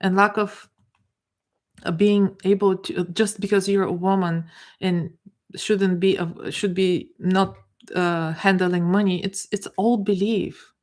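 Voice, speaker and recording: Her mid-range voice is steady and somewhat dark as the middle-aged, Bulgarian-accented woman gives a live coaching talk. She improvises haltingly, restarting and repeating words while she searches for them.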